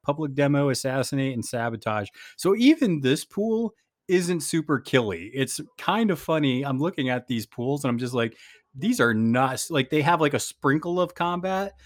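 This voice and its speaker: A man's voice: medium pitch, expressive, normal speed, no echo, studio quality. A man hosting a casual chat that recaps a game, rambling and thinking aloud as he goes. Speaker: podcast host.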